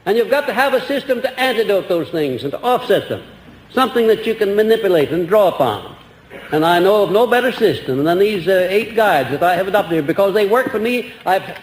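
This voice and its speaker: This older male lecturer, fielding audience questions, has a high-pitched, expressive voice and a fairly quick delivery. His talk is earnest and meandering, with restarts and rhetorical questions. The archival recording carries hall echo and a faint hiss.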